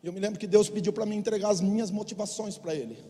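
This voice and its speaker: A middle-aged Brazilian pastor preaches a sermon in a church hall, leading his congregation in call-and-response. He talks fast in a high-sitting voice with a dark tone, over soft background music and a long hall reverb.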